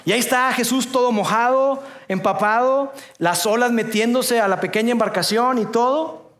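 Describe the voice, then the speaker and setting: Playful preacher with a high voice. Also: male voice, fairly bright tone, echoey room. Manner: storytelling, playful, dramatic pauses. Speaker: pastor. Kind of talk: sermon.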